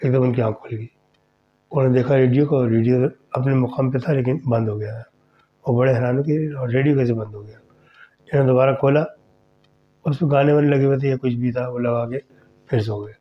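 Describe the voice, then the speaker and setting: Guy telling a scary story on his podcast, chatty, normal pitch, kinda muffled sound. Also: brisk. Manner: conversational, animated retelling. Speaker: horror podcast host. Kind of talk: spoken horror storytelling.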